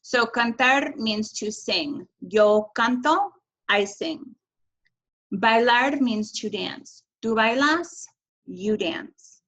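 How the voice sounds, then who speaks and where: A woman's voice: fairly high pitch, expressive, slow pace, a bit bright, low-quality recording. A woman teaching Spanish verb conjugation in a recorded video lesson, upbeat and encouraging, chanting endings.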